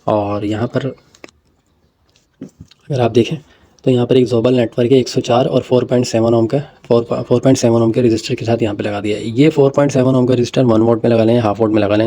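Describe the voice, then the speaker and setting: A man hosting an electronics tutorial, walking through a circuit diagram in a casual way with pauses and repeated "ٹھیک ہے" check-ins. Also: medium pitch, dark tone, no echo.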